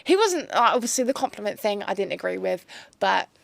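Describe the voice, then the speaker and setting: A woman's voice: mid-range voice, sing-song, brisk, gravelly, dry recording. A young woman from England, a reality show guest in a casual interview, chatty and hesitant with many fillers, restarts and giggles.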